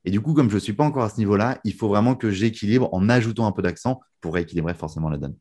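A man's voice: on the low side, racing. Young French man chatting easily. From France. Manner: relaxed, many fillers and restarts. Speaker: guest magician. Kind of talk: casual interview chat.

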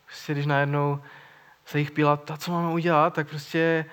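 A man's voice: a little high, flat delivery, fairly bright tone, smooth. A man preaching a sermon in an earnest, searching way, often repeating words as he thinks.

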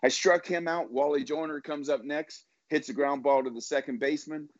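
A middle-aged man, a former baseball pitcher, telling a story as a podcast guest with emphatic, motivational delivery and repeated words when excited. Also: brisk, no room sound. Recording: dull lo-fi sound, dry.

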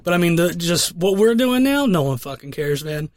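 A man's voice: sits high, big pitch swings, normal speed, no echo. A young man co-hosting a podcast, telling a crude story in rambling, profane casual chat with lots of restarts. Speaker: podcast co-host.

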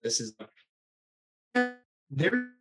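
A man's voice: fairly high pitch, very animated, extremely slow. A man speaking as a guest over a video call whose unstable internet connection makes his voice break up. He talks with energy and repeats words as he restarts. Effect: breaking-up, unstable internet call audio. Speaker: podcast guest. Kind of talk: casual conversation on a video call.

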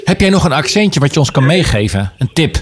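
A man's voice: a little high, very animated, a little fast, crowd noise. A man hosting a local radio show from the studio, chatting in a bubbly way and laughing often. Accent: Dutch. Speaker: radio host. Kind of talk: lively local radio chat.

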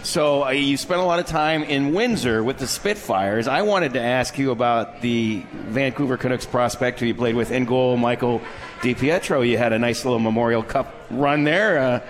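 A man's voice: mid-range voice, moderate pace. Male co-host in a reverberant room. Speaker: sports radio co-host. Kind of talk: conversational interview.

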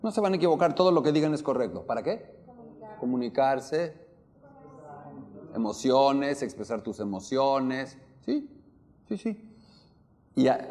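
A man with a Mexican accent giving a lively talk to a live audience, questioning listeners and acting out the melody of speech. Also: mid-range voice. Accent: Mexican Spanish. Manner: animated, questions the audience, demonstrates intonation. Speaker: opera workshop lecturer.

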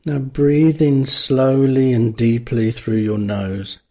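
A man narrating a guided meditation, giving calm, gentle instructions with long pauses. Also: mid-range voice.

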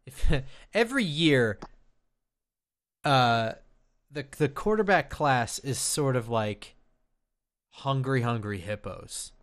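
A man co-hosting a casual sports podcast, measured and hedging, with many fillers and restarts. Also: medium pitch, lively intonation. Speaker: podcast co-host.

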